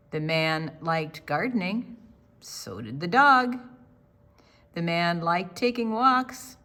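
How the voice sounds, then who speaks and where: Reading to young children, an older woman with a lowish voice stays deliberate and expressive. She weaves in chatty asides and questions directed at her listeners.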